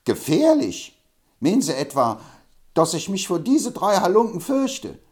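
A man doing a shrill hothead trapper. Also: wildly swooping pitch, measured pace, darkish tone, full character voice. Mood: agitated. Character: excitable boastful older man, quick to anger. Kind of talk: audiobook reading.

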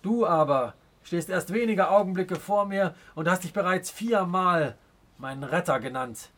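A man's voice: a little high, a bit bright. A man voicing a proud, stern Native chief in an audiobook, speaking in a scornful, commanding way. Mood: angry. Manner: scornful, commanding, slow and weighty. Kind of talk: audiobook character reading.

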